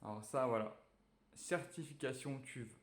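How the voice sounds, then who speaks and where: A man's voice: mid-range voice, measured pace. A man casually chatting while unboxing a phone, hesitant and full of fillers. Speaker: tech reviewer unboxing a phone. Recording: echoey room.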